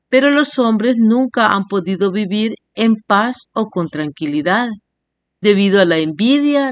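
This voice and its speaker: A woman teacher giving a recorded language lesson, reading definitions and slowly sounding out example words syllable by syllable. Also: mid-range voice, no echo. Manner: slow, spells words out syllable by syllable. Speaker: primary school teacher.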